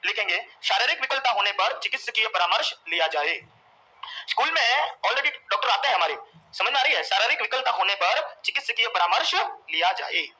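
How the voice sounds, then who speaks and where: An exam coaching teacher with a very high, ringing voice lectures his class, dictating each point for notes and repeating it for those writing it down. He keeps firing questions at students, his tone sharp and bright the whole way through. The low-quality recording carries slight background noise.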